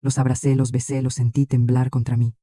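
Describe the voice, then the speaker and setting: Flat, dark-voiced male storyteller. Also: medium pitch, fairly quick, no echo, clean studio sound. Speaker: narrator. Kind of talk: scripted first-person story narration.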